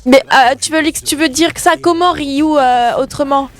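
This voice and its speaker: Woman, very high voice, live streamer, chatty, greets viewers by name, bedroom, faint music behind. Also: normal speed. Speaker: gaming streamer. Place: her bedroom.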